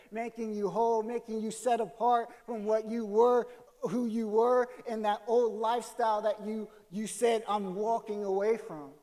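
A male pastor preaching a conversational sermon, swinging from loud to hushed. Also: high-pitched.

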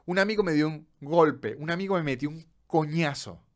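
A Venezuelan man chatting casually on a podcast, his voice sitting a bit high for a man. He talks with animation, stumbles and repeats syllables now and then, and acts out quoted lines as he goes. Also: moderate pace. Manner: animated, stammers, quotes others in dialogue. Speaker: podcast co-host. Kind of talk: casual chat.

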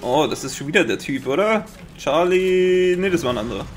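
A young man with a Bavarian accent giving excitable Let's Play commentary, swearing often and making sound-effect noises. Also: a little high, brisk, faint music behind. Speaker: gaming commentator.

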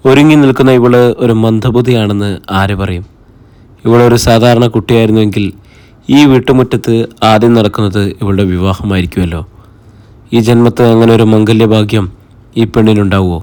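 A man reading a novel aloud as an audiobook narrator, in steady, measured scripted narration. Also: on the low side.

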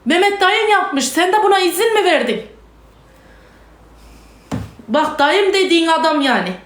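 A woman's voice: very high-pitched, expressive, measured pace, a bit bright, echoey room, a little hiss or hum. A distraught woman ranting in an emotional vlog, agitated, repeating herself, cursing and crying out to God. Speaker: vlogger.

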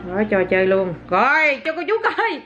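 A woman's voice: fairly high pitch, very animated, normal speed, a bit bright, muffled recording. A woman, a mother filming her toddler in a casual home vlog, chatty and exclaiming as she coaxes the child.

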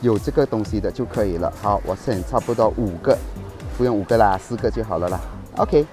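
A chatty, excitable middle-aged man hosts a casual cooking show, flipping between English and Mandarin. He talks fast in a fairly low voice with faint music behind him, recorded on a lapel mic at a market and in his home kitchen.

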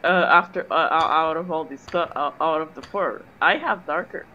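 A woman's voice: sits low, normal speed, sharp tone. A woman trading casual, slangy banter while gaming, with a teasing manner. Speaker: co-op gaming partner. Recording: dull lo-fi mic, faint noise.

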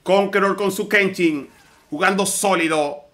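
High, bright-voiced excited esports caster. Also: male voice, unhurried. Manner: energetic, urgent, addresses viewers as "señores". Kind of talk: live play-by-play fighting game commentary.

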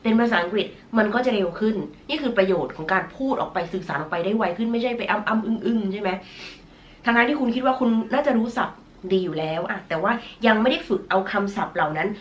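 A woman's voice: mid-range voice, animated, highs cut off, a little hiss or hum. Nasal-voiced woman teaching English vocabulary. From Thailand. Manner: patient, drawn-out model pronunciations; self-conscious about her nasal voice. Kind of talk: recorded online lesson.

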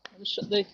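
A middle-aged woman who makes home videos walks outdoors with a handheld camera, giving a chatty, relaxed and cheerful casual tour of her back garden and chickens. The camera mic yields dull, noisy lo-fi audio.

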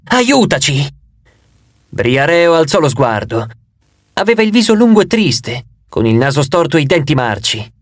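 A man narrating an audiobook in the first person, expressive with a wry touch. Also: fairly high pitch, moderate pace, dry recording.

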